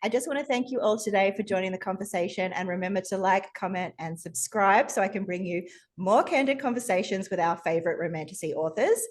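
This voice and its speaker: A woman hosts a casual interview over a video call. She sounds upbeat and gushing, with a middling pitch for a woman. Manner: upbeat, gushing, quick to laugh. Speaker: podcast host.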